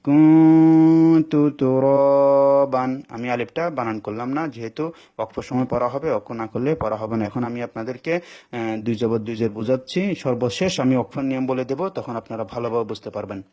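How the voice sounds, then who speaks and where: A man's voice: medium pitch, steady tone, darkish tone. A man teaching Quran reading. He spells out letters step by step, repeats himself patiently and answers his own questions. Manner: stretches words into slow sung recitation. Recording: dull lo-fi recording.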